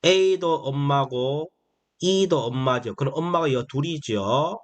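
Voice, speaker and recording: A man teaching English phonics to beginners in a slow, explanatory way. He keeps asking questions and answering them himself, and he drags out the key phrases. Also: on the high side. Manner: repetitive, asks and answers his own questions; drawls key phrases slowly.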